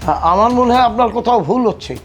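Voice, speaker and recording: A man with a Bangladeshi accent playing a bewildered, mild-mannered middle-aged father in a film melodrama, reasoning gently. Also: very high-pitched, fast talker, faint music behind. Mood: mild, cautioning. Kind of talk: melodramatic short film acting.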